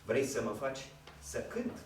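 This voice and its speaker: Man playing old king, declaiming, shouting, lively high voice, echoey theatre hall, distant mic. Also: slight background noise, natural voice. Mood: mocking. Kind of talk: live stage acting. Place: theatre stage. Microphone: distant room mic.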